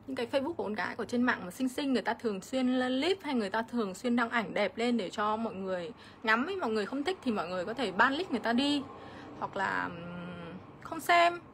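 A woman's voice: a little high, fairly bright tone, a little hiss or hum. A middle-aged woman, ranting on a casual livestream vlog and hitting back at her critics with indignation. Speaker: vlogger.

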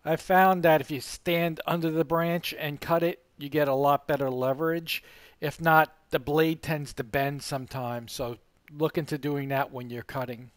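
A man's voice: a little high, fairly even intonation, moderate pace, no echo. Plain-spoken man reviewing a tool outdoors. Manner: plain, rambling, practical. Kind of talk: casual product review. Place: outdoors in a front yard.

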